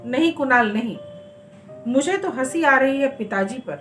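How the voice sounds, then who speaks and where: A war-hungry young prince with booming, mocking laughter and a forceful, declaiming delivery, read aloud by a woman. The voice sits high, and faint music plays underneath. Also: expressive, a little slow. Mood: scornful.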